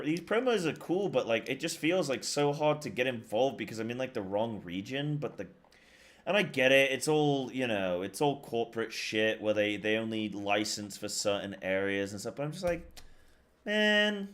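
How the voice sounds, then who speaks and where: During a relaxed livestream, this man, an esports caster and streamer, chats with viewers at a moderate pace, wandering off in slang and repeating lines. His voice sits on the low side and has a lively intonation.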